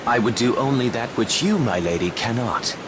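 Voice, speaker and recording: A man's voice: medium pitch, lively intonation, noisy background, natural voice. Delita, a man playing a brooding, scheming young commoner. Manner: measured, formal old-fashioned speech. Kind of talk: game cutscene acting. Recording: loud music under voice.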